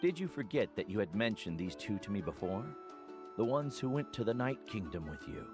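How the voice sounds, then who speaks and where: Game casting: an older male mentor, lowish voice, measured and earnest, gently protective, music underneath. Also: very animated. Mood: reflective. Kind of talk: video game voice acting.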